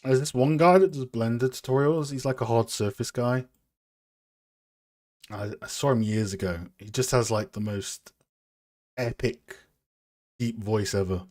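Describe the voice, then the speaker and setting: A man's voice: mid-range voice, unhurried, pauses often, darkish tone. A man hosting a casual live stream, chatting with viewers in a rambling, self-deprecating way while working on a model. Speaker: streamer and game art host.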